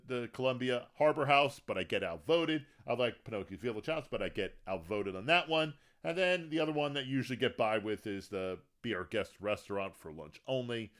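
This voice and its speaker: A man's voice: medium pitch, fairly bright tone. A man hosting a podcast, chatting casually and enthusiastically as he gives food tips, often restarting his sentences. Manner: chatty, enthusiastic, repeats words when restarting. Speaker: podcast host. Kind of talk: casual theme-park tips talk.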